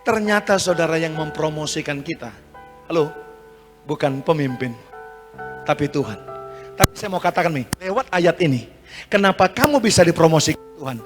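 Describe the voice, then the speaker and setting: A man preaching a sermon as pastor, leading call-and-response and swinging between loud exhortation and quiet asides. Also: fairly high pitch, expressive, normal speed, long pauses, in a large hall, over music. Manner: call-and-response preaching, rising and dropping sharply.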